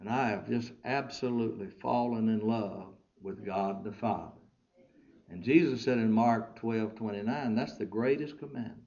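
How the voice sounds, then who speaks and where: A man preaching a sermon with fervent delivery, repeating words and trailing off softly. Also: on the low side, normal speed, vocal fry, lo-fi sound. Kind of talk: sermon to ministers.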